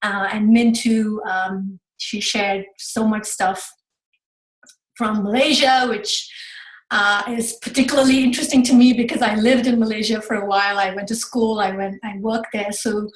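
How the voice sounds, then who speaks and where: A woman's voice: mid-range voice, fairly even intonation, normal speed, reverberant, rough recording. A woman in her thirties from India, hosting a casual webinar from her home study in a chatty way with frequent ums. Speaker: webinar host, photographer.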